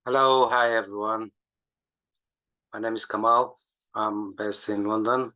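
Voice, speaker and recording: Slow, flat-voiced man. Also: lowish voice, low-quality recording. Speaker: workshop participant. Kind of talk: self-introduction on a video call.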